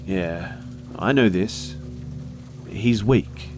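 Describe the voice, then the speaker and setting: A man's voice: fairly low pitch, very slow, soft background music, pitched above the performer's own voice. A man narrating a horror story voices a suspicious young boy. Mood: wary. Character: wary, resentful young boy.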